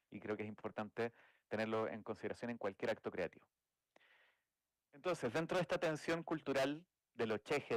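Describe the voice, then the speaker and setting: A man's voice: mid-range voice, no room sound, poor audio. A man from Chile, speaking, giving a thoughtful academic talk as a game designer, with frequent restarts and "eh" fillers. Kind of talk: academic lecture.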